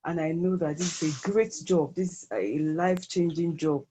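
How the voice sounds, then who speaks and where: A woman's voice comes through an online group voice call, pitched a little low and mellow in tone. She talks as a guest in a meeting, earnestly restating her points. A faint hiss sits under her words. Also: normal speed. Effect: heard over an online group voice call. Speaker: guest participant giving feedback. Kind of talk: spontaneous remarks in a meeting.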